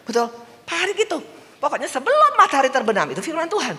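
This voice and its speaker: Lively woman preaching in a big hall. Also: high-pitched, quick pace. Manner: lively storytelling, asks the congregation questions. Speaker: evangelist preacher. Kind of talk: sermon. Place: large church hall. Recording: long church-hall reverb.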